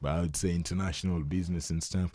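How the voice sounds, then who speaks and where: A young Kenyan man, a native Luo speaker, is a guest in an interview, explaining things in a relaxed, conversational manner and chuckling a lot. He has a deep voice, talks fast, and there's no echo.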